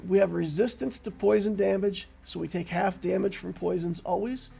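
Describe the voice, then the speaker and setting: A man with a rather high voice and a heavy gravelly fry, sounding husky as he talks. He walks through a tabletop character build in a relaxed, chatty manner, pausing on fillers as he goes. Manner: relaxed and conversational with frequent fillers. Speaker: tabletop game build creator. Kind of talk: casual explanatory walkthrough.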